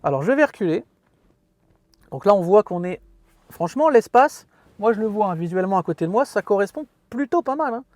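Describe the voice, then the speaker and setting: A man's voice: sits high, big pitch swings, fairly quick, dry recording. A man hosting a casual car walkthrough from inside his parked car, chatty and fond of self-mocking jokes. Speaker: car video host.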